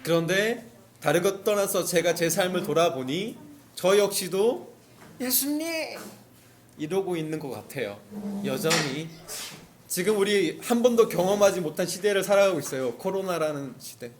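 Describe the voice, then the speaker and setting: A male pastor delivers a relaxed, conversational sermon, telling the story vividly and acting out the characters' cries. His voice sits high and swings widely in pitch. He keeps turning to the congregation with questions. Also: brisk, a little hiss or hum.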